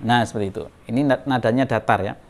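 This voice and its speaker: A man teaching a Quran recitation melody, explaining the steps and showing them. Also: medium pitch. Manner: explains a melody and then chants the verses slowly. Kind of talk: recitation lesson.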